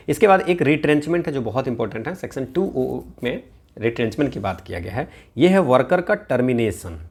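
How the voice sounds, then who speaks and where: A man's voice: mid-range voice, a little mellow. A man giving an exam-prep lecture in a mix of Hindi and English, often asking "है ना?" and "ठीक है" to check on his students. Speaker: teacher.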